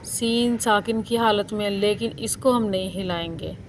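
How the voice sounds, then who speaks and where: A woman's voice: mid-range voice, moderate pace, slight background noise. A woman teaching Quran recitation rules in a patient, step-by-step lesson, drawing out each sound. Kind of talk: slow step-by-step tajweed lesson.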